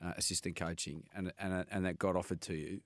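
Low-voiced Australian man in sports chat. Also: steady tone, brisk, dry recording. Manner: opinionated, asks questions, laughs easily. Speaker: radio co-host. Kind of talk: casual sports radio chat.

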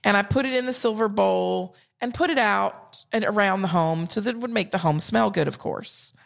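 A woman's voice: mid-range voice, fairly quick, creaky. A woman with a Southern US accent, telling a humorous story in casual podcast chat. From South Carolina and Georgia. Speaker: podcast co-host.

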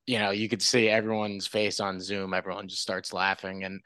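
A man, a guest sportswriter, chatting casually on a podcast in a relaxed, rambling way with frequent restarts. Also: sits low, normal speed, smooth, no echo.

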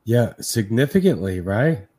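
A man's voice: fairly low pitch, very animated, unhurried, mellow. A man from Louisiana hosting a live interview stream, informal and candid, with rambling asides. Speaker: interview show host.

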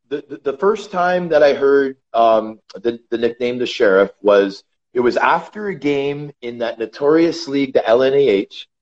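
A man guest on a podcast, casually telling stories about his ice hockey career and calling the host brother. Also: mid-range voice. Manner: animated, calls the host brother. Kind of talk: casual interview storytelling. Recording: slightly dull lo-fi sound.

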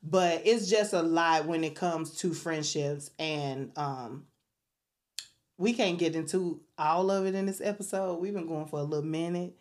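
A woman with a low voice hosts a casual podcast chat, warm and full of churchy exclamations, reading a mantra slowly.

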